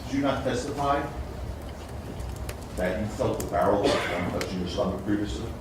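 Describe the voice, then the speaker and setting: A man cross-examining a witness as a lawyer in court, deliberate and insistent. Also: on the low side. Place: large indoor courtroom. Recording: noisy, very echoey courtroom, distant mic.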